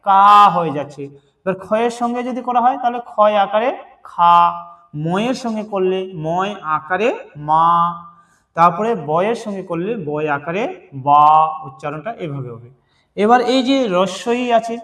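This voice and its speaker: A man teaching Bengali vowel signs, asking a question and answering it himself, then chanting examples one after another. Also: sits high.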